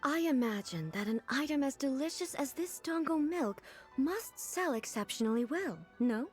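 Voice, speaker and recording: An actress voicing a composed, formal divine ruler who speaks in a calm, measured way in a game cutscene. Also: female voice, high voice, faint music behind. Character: composed divine woman ruler, regal and curious.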